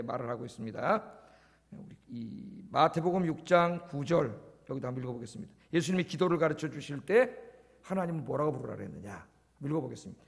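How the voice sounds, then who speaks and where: A man's voice: on the high side, creaky, big-room sound. A male pastor preaching a sermon in a church, asking the congregation questions, answering them himself and repeating key words for emphasis. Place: church sanctuary.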